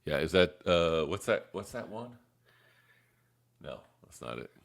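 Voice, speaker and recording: A man co-hosting a casual live review show, rambling with lots of fillers and quick bursts of laughter. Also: low voice, very animated, vocal fry. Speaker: co-host of a soda review show.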